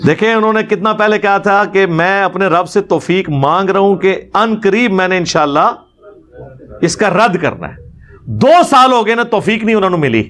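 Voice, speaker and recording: A man's voice: sits high, lively intonation, fairly bright tone. A man, giving reaction commentary on a clip in a sarcastic, challenging way.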